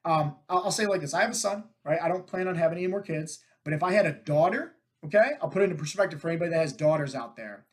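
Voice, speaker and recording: A man hosting a fitness coaching podcast, telling stories in an energetic, casual way and often checking in with "right?". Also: a little high, racing, hardly any pauses. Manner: energetic, talks to listeners with frequent "right?" and "like" fillers. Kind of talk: casual storytelling monologue.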